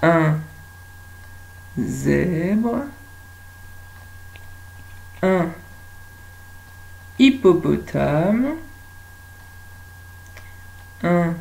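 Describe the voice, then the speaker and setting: A French woman teaching young children at home, speaking slowly and stretching out words so they can follow. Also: lowish voice, gravelly, mellow, rough recording. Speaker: kindergarten teacher.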